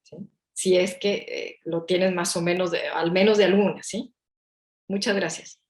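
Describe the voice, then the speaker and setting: A woman's voice: fairly low pitch, fairly even intonation, measured pace, darkish tone. A woman giving spoken academic feedback in a didactic way, with rhetorical questions and frequent short check-in tags. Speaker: academic commentator. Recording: echoey, roomy sound.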